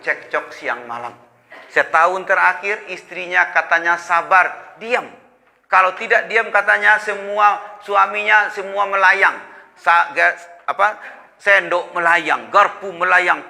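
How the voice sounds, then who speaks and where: Man, Ramadan sermon, acts out voices, fairly high pitch, long mosque reverb. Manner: animated storytelling, acting out congregants' voices. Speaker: preacher.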